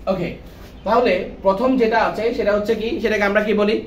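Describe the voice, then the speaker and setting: A man's voice: sits high, steady tone, fast, dull audio, crowd noise. A man teaching English letter pronunciation, quizzing his class with repeated questions. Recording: echoey room with faint noise.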